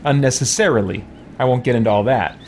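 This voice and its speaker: Quick-paced and a little mellow, this medium-pitched man streams a let's play over a faint hiss or hum. He rambles aloud about the game in easygoing commentary, reading viewer chat and answering it.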